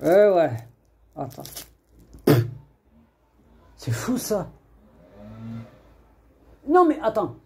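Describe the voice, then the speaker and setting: A man's voice: high-pitched, wildly swooping pitch, extremely slow, creaky, pauses often, darkish tone. A man giving an informal religious reminder online, rambling and repeating himself, scolding in a streetwise way and dropping Arabic religious phrases into his talk.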